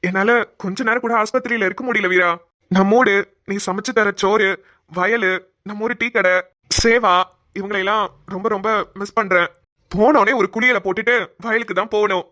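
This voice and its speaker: A woman voicing an injured village husband lying in a hospital bed in a Tamil cartoon, speaking gently and affectionately. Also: medium pitch, fairly even intonation, moderate pace, natural voice. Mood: tender.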